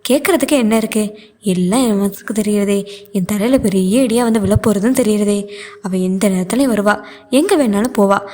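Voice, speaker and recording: A woman's voice: a little high, a little mellow, lightly acted. A woman reading as a fretful older mother. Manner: anxious, complaining inner monologue. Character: worried older mother lamenting her daughter.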